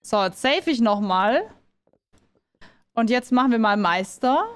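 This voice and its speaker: A woman chatting casually as she plays a game, reading and translating the lines aloud as she goes. Her voice sits slightly high. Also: lively intonation, a little slow. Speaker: gaming streamer.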